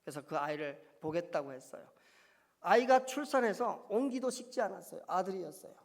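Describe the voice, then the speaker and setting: A man's voice: high voice, expressive, fairly quick, gravelly. Man preaching his testimony in reverberant church. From North Korea. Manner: earnest, swelling to impassioned cries. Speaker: pastor. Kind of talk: testimony sermon. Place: church sanctuary. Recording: long reverb of a church hall.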